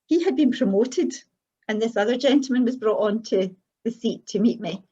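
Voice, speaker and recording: A middle-aged or older Scottish woman giving an unscripted personal testimony as a guest, speaking in an earnest, halting, anecdotal way. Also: on the high side, lively intonation, warm tone, breathy edge, highs cut off.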